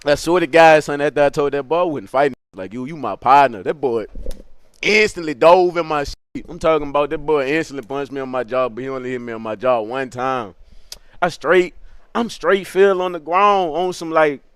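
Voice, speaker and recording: A young man telling a funny story in a casual, animated, slangy way, acting out other people's lines in a high voice. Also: normal speed, clear, resonant tone, no echo. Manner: animated slangy street storytelling, laughing, acts out quotes in a high voice.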